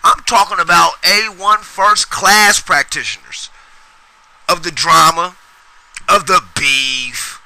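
Middle-aged male podcast host, high bright voice, rambling profane solo rant. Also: slow, gravelly, dry recording, poor audio. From Sacramento, US. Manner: profane, rambling, emphatic with repetitions.

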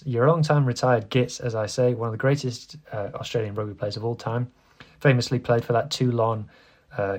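A man hosting a casual solo sports news podcast, talking in a chatty, informal and self-deprecating way. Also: mid-range voice. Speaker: podcast host.

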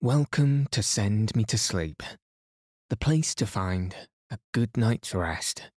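A man with a fairly low voice reads as a sleep story narrator. His delivery is very slow, calm and soothing, gently guiding the listener. The recording is close and dry. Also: dry recording. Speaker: sleep podcast host and narrator.

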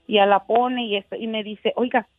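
A woman's voice: fairly high pitch, steady tone, normal speed, no echo, soft background music. A Mexican woman in her fifties tells a rambling story down a thin, tinny phone line. The sound is dry and close, and she laughs easily and keeps restarting her sentences. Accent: Mexican Spanish. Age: 50s. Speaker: caller. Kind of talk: casual storytelling.

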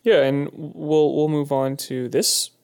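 A man's voice: a little high, fairly even intonation, takes it slowly, creaky, darkish tone, clear, resonant tone. A man co-hosting a sports podcast, chatting casually and jokingly with enthusiasm. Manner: jokey, enthusiastic. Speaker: podcast co-host.

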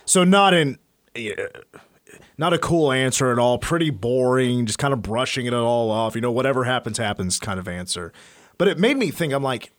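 Male American sports host, mid-pitched, conversational and promo-ready, close dry studio mic. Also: lively intonation, normal speed, no echo. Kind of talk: casual sports talk and promo reads. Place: radio studio.

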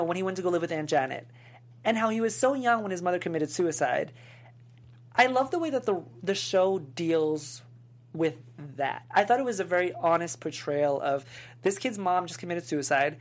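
A woman's voice: fairly low pitch, expressive, normal speed. A woman co-hosting a podcast, chatting casually and leading the discussion with questions. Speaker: podcast co-host. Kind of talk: casual chat.

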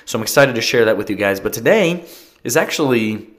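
A man's voice: medium pitch, lively intonation, brisk, a bit bright. A man hosting a casual podcast, chatty and self-deprecating, with rambling asides. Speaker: podcast host. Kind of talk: casual solo podcast talk.

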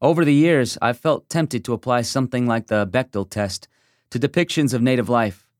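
Dry, measured male essay narrator. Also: medium pitch, dry recording. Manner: measured, reflective first-person reading. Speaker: essay reader. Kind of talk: scripted narration of a magazine essay.

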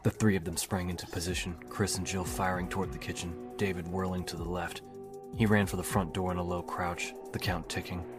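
Very flat, deep-voiced male narrator. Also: brisk. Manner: steady, even storytelling. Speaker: audiobook narrator. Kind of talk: reading a novel aloud. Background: music.

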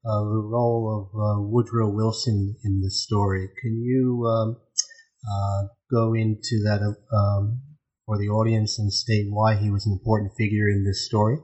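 A man with a lowish, dark voice poses interview questions hesitantly. His tone is husky, and the recording is a little dull and lo-fi. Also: flat delivery. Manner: hesitant, halting.

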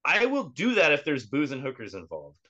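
A man's voice: a little high, wildly swooping pitch, a little fast, bright, forceful tone, dull audio. A man co-hosting a podcast in casual chat, blunt and profane, laughing often. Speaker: podcast co-host.

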